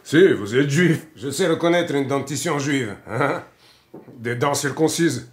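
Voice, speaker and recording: A man's voice: medium pitch, measured pace, natural voice. A man playing a boastful Bulgarian-accented dentist. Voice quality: chatty, needling, chuckling asides. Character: boastful opinionated middle-aged male dentist. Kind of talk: film acting.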